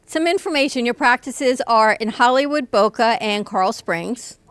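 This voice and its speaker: A woman hosting a radio interview, asking questions in a friendly, brisk way. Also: a little high, expressive, fairly bright tone, clean tone, dry recording. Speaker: radio host.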